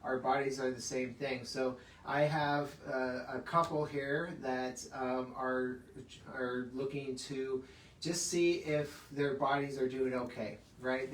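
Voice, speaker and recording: Man, casual health talk host, chatty with fillers, echoey room, mic set back. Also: mid-range voice. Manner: chatty, laughing, many fillers. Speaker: chiropractic clinic host. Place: clinic room. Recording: echoey room, mic at a distance, faint hiss.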